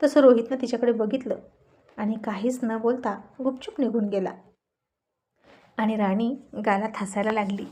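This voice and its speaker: A woman narrating a serialized romance story in steady storytelling style. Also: a little high, moderate pace, long pauses.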